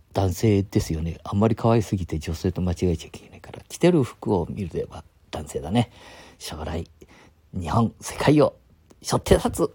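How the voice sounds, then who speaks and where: A man in his seventies with a Mikawa dialect hosts a casual live stream from his home. He rambles, chuckles and talks to himself, his husky voice swinging widely in pitch. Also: a little mellow. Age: 70s.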